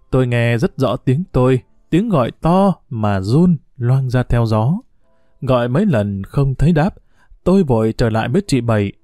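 A man narrating a story in a calm, measured reading. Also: medium pitch, no echo, clean studio sound. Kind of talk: audiobook storytelling.

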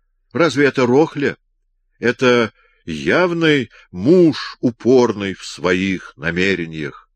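Brief: a male reader doing a lively, insistent young woman, pitch raised, in a dry read. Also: slow pace, no room sound. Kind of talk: audiobook character reading.

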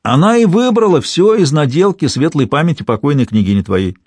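A man's voice: on the high side, expressive, a little fast, darkish tone, slightly rough, no room sound, pitched above the performer's own voice. Brief: anxious, pleading court treasurer, as a male reader puts him on, archaic speech, dry recording. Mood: earnest. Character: frightened boyar treasurer, fearful, pleading.

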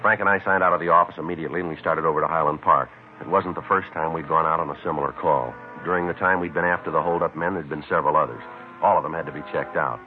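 An actor playing a male police detective who narrates in a clipped, flat, matter-of-fact way. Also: very deep voice, quick pace. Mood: narrating. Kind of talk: 1950s radio police drama narration. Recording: tinny old radio broadcast with faint music.

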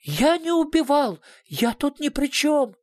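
A shrill, whimpering middle-aged man, a frightened concert hall director in an audiobook, begging in a thin, pitched-up voice, as a male narrator puts him on. The sound is close and dry. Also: fairly even intonation, normal speed. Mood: desperate.

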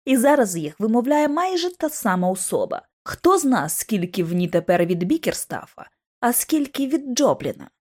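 A woman's voice: fairly high pitch, moderate pace. A woman reading a story aloud. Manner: expressive reading that voices each character. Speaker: audiobook narrator. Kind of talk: scripted narration.

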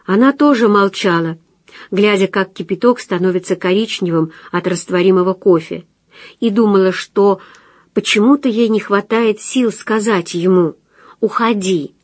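A woman's voice: medium pitch, normal speed, a little mellow, no echo. Woman narrating a story, dry close sound. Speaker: audiobook narrator. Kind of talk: scripted narration.

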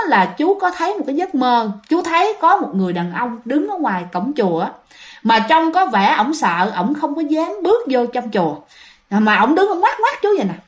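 A woman with a Southern Vietnamese accent, casually retelling a ghost story and chatting directly to her listeners. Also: high-pitched.

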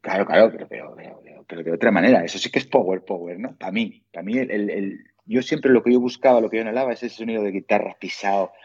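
A middle-aged man with a low, husky voice, talking in a loose, rambling way full of restarts and imitated sounds. His voice arrives muffled and lo-fi, as over a remote call. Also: fast talker, few pauses, darkish tone. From Asturias, Spain. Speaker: podcast guest, bassist. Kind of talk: casual chat.

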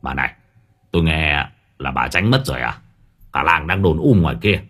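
A man voicing a swaggering young hired thug who talks fast and mocking. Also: rumbling low, lively intonation, fairly bright tone, pitched below the performer's own voice, exaggerated voice. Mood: curious.

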